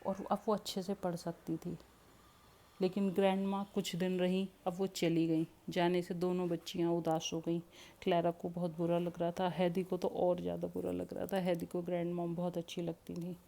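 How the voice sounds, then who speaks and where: Warm, low-voiced woman telling a story. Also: normal speed, vocal fry. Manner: expressive, mixing English words in. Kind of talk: storybook narration.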